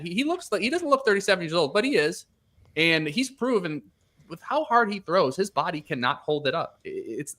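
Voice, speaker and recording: A man's voice: a little high, sharp tone. Hedging male podcast host. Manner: thoughtful, hedging, many fillers. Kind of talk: casual podcast chat.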